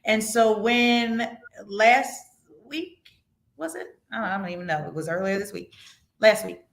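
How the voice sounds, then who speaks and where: A woman's voice: medium pitch, unhurried, gravelly. A woman hosting a podcast conversation, talking casually and emphatically, swearing freely as she shares strong opinions. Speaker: podcast host.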